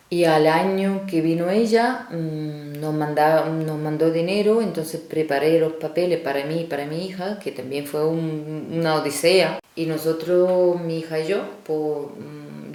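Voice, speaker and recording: A woman's voice: deep voice, darkish tone. A woman in her forties from Ukraine, a non-native speaker telling her life story in an interview, hesitant with frequent fillers. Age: 40s. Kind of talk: personal storytelling. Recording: very echoey room.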